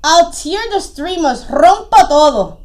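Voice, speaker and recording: A woman voicing a quick, clumsy male rabbit who loudly makes excuses. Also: very high-pitched, animated. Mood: emphatic. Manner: loud, emphatic excuses.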